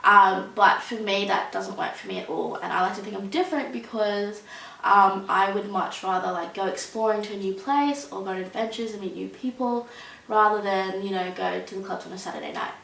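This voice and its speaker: Speaking briskly, this young woman has a medium pitch, some vocal fry, and a slightly bright tone. She responds to interview questions loosely and with hesitation, peppering her answers with ums and likes. The mic sits at a distance in a roomy space, and a faint hiss is audible.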